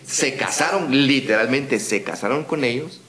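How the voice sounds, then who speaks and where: A man's voice: mid-range voice, normal speed, roomy sound. A man with a Guatemalan accent, a guest in a casual podcast conversation about running a dubbing studio, who tells his story with animation and keeps checking in with "¿verdad?". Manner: animated storyteller who acts out quoted replies, tags lines with "¿verdad?".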